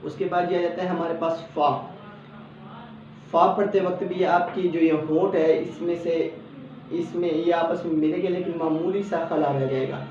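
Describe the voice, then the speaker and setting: A man with a Pakistani Urdu accent teaching Quran letter pronunciation, patiently explaining each letter and then saying it slowly as a model. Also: a little high, fairly even intonation, a little mellow. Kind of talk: step-by-step pronunciation lesson. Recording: echoey, distant, dull lo-fi sound with faint background hum.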